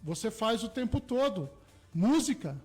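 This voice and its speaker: High-voiced man, eager radio guest. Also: big pitch swings, a little slow, a little mellow, soft background music. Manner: eager, explains with everyday examples. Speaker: hypnotherapist guest. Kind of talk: radio interview. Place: radio studio.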